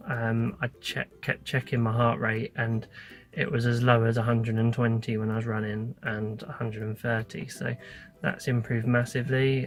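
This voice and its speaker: A man's voice: mid-range voice, vocal fry. A British man in his thirties chatting casually and hesitantly to a phone held at arm's length inside a parked car, as a vlogger. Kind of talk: casual vlog talk to camera.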